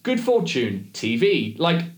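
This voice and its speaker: A man's voice: on the high side, huge pitch swings, takes it slowly. A man co-hosting a podcast, talking in a chatty, jokey way that often wanders off into asides. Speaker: podcast co-host. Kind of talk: casual chat. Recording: roomy echo.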